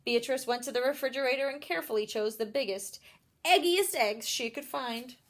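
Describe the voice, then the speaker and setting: A woman with a high, brisk voice reads a picture book to children with plenty of expression. Along the way she drops in asides, explains how characters feel, and asks the young listeners questions.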